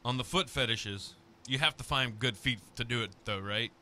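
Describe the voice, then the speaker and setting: A male interviewer with a very bright, sharp tone fires joking, prodding questions in a casual chat. Faint noise sits in the background. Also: medium pitch, normal speed.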